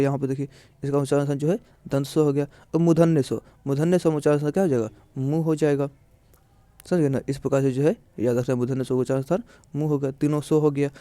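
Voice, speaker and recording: A man from India teaches a classroom grammar lesson in a slightly high, soft, warm, clean-toned voice, recorded dry without room echo. He explains step by step, repeats himself, uses filler phrases and asks questions he answers himself.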